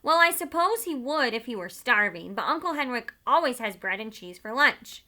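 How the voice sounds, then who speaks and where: A woman's voice: on the high side, very animated, moderate pace, bright, forceful tone, voice pushed up. A woman voicing a chatty, indignant young girl who plays silly, in a storybook read-aloud. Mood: silly chattering.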